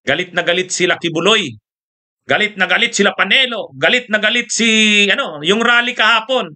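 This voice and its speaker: Male host, high and bright, sarcastic rhetorical political chat. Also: normal speed. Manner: mocking, rhetorical, laughs often, sips coffee. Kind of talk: casual political commentary.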